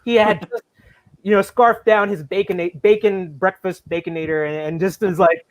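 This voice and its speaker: High-voiced rambling male podcast host. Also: steady tone, moderate pace, dry recording. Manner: apologetic, rambling with many fillers. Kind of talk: casual video-call chat.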